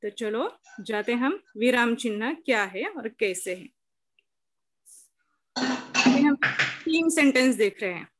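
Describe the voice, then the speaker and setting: A woman teacher from India gives an online lesson, going over each point more than once so pupils can follow. Her voice sits fairly high and she speaks at an unhurried, deliberate pace. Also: lively intonation, slight background noise. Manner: slow, explanatory, repeats each point. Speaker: school teacher. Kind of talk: online lecture.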